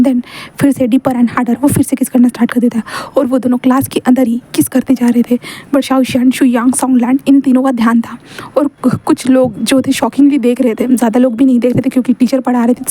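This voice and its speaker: A woman's voice: high voice, level tone, fast, dark tone, husky. A woman casually narrating a fan-fiction story, voicing all the characters herself in one chatty tone, with stumbles and fillers.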